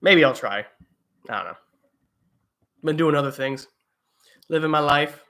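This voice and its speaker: Young male streamer, bright voice, loose rambling delivery full of "uh"s. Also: on the high side, expressive, a little slow. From eastern United States. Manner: rambling, lots of fillers and restarts. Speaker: livestream host. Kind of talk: casual live chat reading viewer comments. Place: home, indoors.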